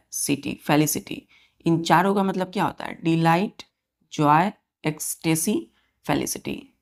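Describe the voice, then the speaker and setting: A woman teaching vocabulary to students, spelling words letter by letter and asking quiz-style questions. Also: lowish voice. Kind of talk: vocabulary lesson for exam students.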